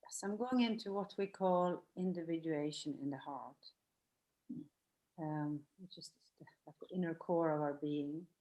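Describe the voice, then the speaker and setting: A woman co-hosting a spoken energy healing session, explaining calmly with soft hesitations. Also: low voice, measured pace, rough recording. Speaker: healing session practitioner and co-host.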